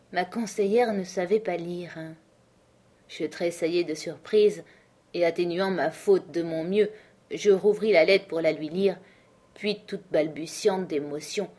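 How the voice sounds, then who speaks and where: A woman reading a classic novel aloud in a measured, composed narration. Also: lowish voice, mellow. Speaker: audiobook reader. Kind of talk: scripted narration.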